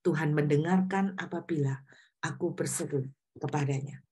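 A woman's voice: deep voice, moderate pace. Woman pastor preaching animatedly. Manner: animated storytelling, acting out quoted voices. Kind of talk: sermon.

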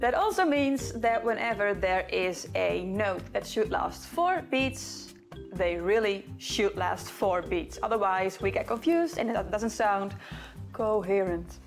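Faint music plays as a young Dutch woman with a Dutch accent chats easily, fielding questions to the camera. A violinist and video host from the Netherlands, she sits in a small living room in front of bookcases, speaking in a mid-range, unhurried voice.

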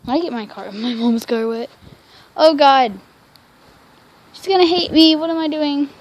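A female voice narrating a toy role-play vlog, excitable and given to squealing cheers. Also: sits high, normal speed. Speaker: toy video maker.

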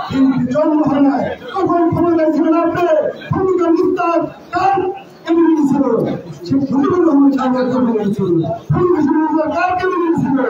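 Older male party speaker, shrill and fiery, repeating slogans; distant handheld mic, boomy room, crowd murmur. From Bangladesh. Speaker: political speaker. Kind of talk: shouted rally speech. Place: crowded indoor party office. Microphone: handheld mic, filmed from far. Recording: echoey hall, far off, dull, crowd.

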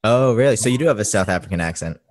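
A man from Boston hosting a podcast, talking in a relaxed, laid-back way. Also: fairly low pitch, racing, dry recording. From Boston, Massachusetts. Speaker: podcast host. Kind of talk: casual podcast conversation.

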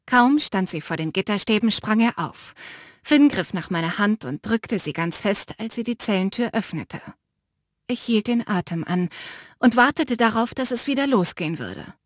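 A woman narrating a fantasy audiobook in the first person with measured, expressive storytelling on a close studio mic. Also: medium pitch, no room sound.

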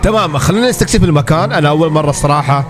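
A gaming streamer with a fairly high voice talks very fast, giving casual, exclamatory commentary to his viewers as he plays. There's noise in the background.

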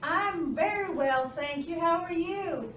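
Woman putting on a very high, childlike puppet boy. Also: slow pace, highs cut off, heavily acted. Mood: eager, polite. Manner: bright, exaggerated childlike delivery. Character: eager, polite young boy puppet pupil. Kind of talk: children's puppet lesson role-play. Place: classroom. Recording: roomy, noisy, distant camera mic.

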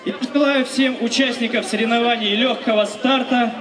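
A man's voice: very high voice, fairly even intonation, normal speed. A man in his thirties reading a formal announcement from notes into a handheld mic at an outdoor event. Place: outdoors on building steps, over a loudspeaker. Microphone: handheld microphone. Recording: echoey distant outdoor PA with music.

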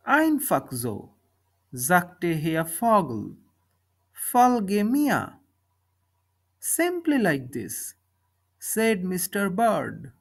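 A woman reading a children's story slowly, speaking each line and then its translation. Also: fairly low pitch, wildly swooping pitch, creaky, breathy edge. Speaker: narrator of a bilingual story. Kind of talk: slow storybook reading in German and English.

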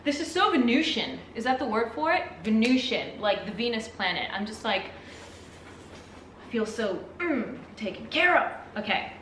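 Excitable, sweary woman unboxing gifts. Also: on the high side, moderate pace, few pauses, roomy sound, recorded from a distance, a little hiss or hum. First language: not English. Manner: excitable, swears a lot, reads labels aloud. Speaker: vlogger reviewing products. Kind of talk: casual unboxing chat.

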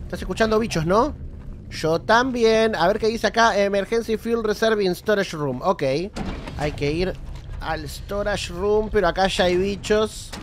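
A man's voice: high voice, a little slow, a little hiss or hum. A young man with an Argentine accent and a bad cold, commenting on a horror game and swearing a lot, with sudden screams at every scare. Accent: Argentine Spanish. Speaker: gameplay streamer.

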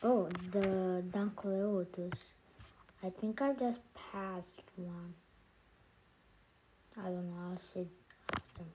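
A woman's voice: on the low side, fairly even intonation, slow pace, long pauses, warm tone, a little hiss or hum, rough recording. A woman hosting her own gaming channel, showing off a game's new content in casual, hesitant commentary that rambles and trails off, talking with something in her mouth. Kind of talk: casual game showcase commentary.

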